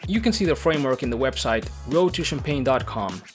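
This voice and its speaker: Measured podcast host. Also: male voice, mid-range voice, animated, faint music behind. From Central America. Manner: measured, read-aloud delivery. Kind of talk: scripted podcast monologue and interview.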